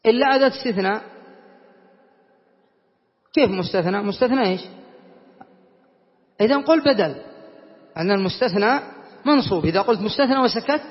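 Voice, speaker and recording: A man teaching a classroom grammar lesson, often quizzing his students and reciting verses slowly and deliberately. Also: high voice, animated. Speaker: teacher explaining Arabic grammar. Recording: lo-fi, reverberant classroom recording.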